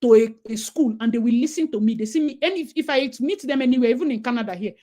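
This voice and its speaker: Speaking fast with a slightly high voice, the host is a Nigerian woman with a Nigerian accent in a casual conversation. She's a lively storyteller who slips into pidgin.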